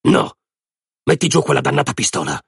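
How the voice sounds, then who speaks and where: A man voicing a rough, bossy male camp enforcer who barks orders. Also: medium pitch, sing-song, brisk, no echo, studio quality, voice pushed up, exaggerated voice. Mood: gruff. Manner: barking, shouting orders.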